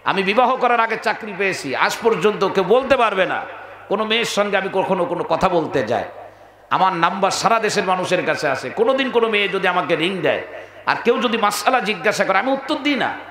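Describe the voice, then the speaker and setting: A preacher in his forties with a high, carrying voice. He spins his sermon as folksy stories, acting out the people in them and asking the listeners questions. His voice rings out with a lot of echo. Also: expressive, brisk, pushed and bright. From Bangladesh. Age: 40s. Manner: folksy storytelling with acted dialogue and rhetorical questions.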